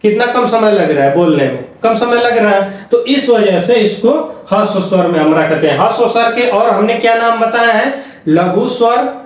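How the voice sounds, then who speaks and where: A man's voice: high-pitched, moderate pace. A man teaching Hindi grammar for exam preparation in a lecture style, repeating points and asking questions that he answers himself. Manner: repetitive, asks the class questions and answers them himself. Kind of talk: exam-prep classroom lecture. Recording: echoey room, mic set far off.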